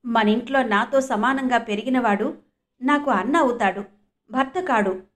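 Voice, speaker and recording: A firm, principled young woman who speaks sharply and with conviction, read by a woman. Her voice sits fairly high in an audio storybook. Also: moderate pace, lightly acted. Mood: earnest. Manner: sharp, scolding.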